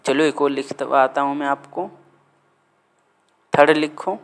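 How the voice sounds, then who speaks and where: A man teaching a grammar lesson, dictating words slowly and repeating them for students to write down. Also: medium pitch, steady tone, creaky.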